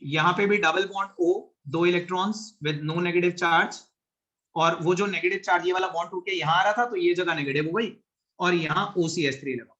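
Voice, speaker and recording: A man's voice: high-pitched, normal speed, pushed and bright, lo-fi sound. A male chemistry teacher giving a classroom lecture to students in the room and online, explaining step by step and often checking that they follow, with English science terms mixed into his Hindi.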